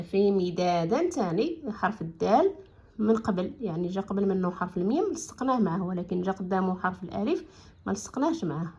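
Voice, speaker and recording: A woman with a Moroccan Arabic accent teaches young children to read, sounding out each syllable in a slow, drawn-out way. She drops into quicker, plain explanations between the words. Her voice sits at a middle pitch, and the recording is a little dull and lo-fi. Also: a little mellow, breathy edge. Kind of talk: reading lesson for children.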